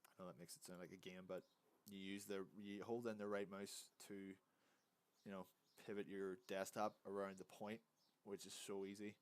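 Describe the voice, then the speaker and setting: A man's voice: deep voice, level tone, normal speed, clear, resonant tone. A man, hungover, rambling through a casual animation tutorial at his computer, often correcting himself. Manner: rambling, self-correcting, easygoing. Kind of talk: casual screen-recorded tutorial.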